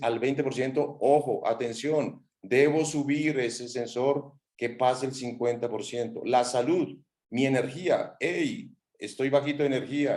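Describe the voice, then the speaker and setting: A man giving a motivational talk to a class, expressive, with sound words and acted-out quotes. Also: medium pitch. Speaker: motivational speaker. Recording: echoey room.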